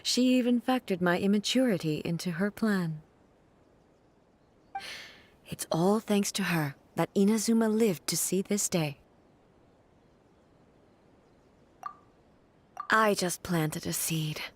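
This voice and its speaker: A woman playing a composed, ageless ruler goddess in a video game, speaking formally and gravely. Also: medium pitch, unhurried, slight background noise, lightly acted. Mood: wistful, reflective. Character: solemn, regal, ageless female ruler deity, composed and reflective. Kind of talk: English video game voice acting. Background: game music.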